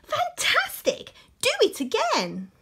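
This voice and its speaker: A woman voicing a clever, bold young princess with high, loud, emphatic exclamations. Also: wildly swooping pitch, measured pace, a little hiss or hum, full character voice. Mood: excited.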